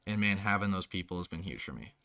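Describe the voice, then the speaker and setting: A young man, a college football player, hosting a casual interview and telling stories in a relaxed way. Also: deep voice, fast talker. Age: young adult. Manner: relaxed storytelling, animated when quoting others.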